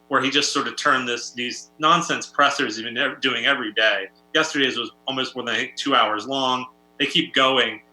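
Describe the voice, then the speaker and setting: A male guest journalist thinking out loud about politics, full of "like" and "um" and restarts. His voice is very bright and a little tense, and it echoes around a roomy space. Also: medium pitch. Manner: rambling, filler-heavy, restarts often. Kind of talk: casual political discussion. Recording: roomy echo.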